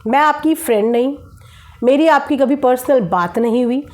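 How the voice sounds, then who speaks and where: A woman's voice: high voice, moderate pace, a little mellow. A woman hosting a reaction channel, talking straight to camera in a casual, insistent way and repeating her points. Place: indoors at night.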